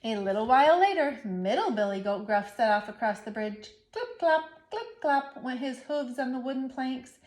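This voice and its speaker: Expressive woman reading a children's story. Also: high-pitched, moderate pace, few pauses. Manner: expressive, playful narration. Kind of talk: children's storybook read-aloud.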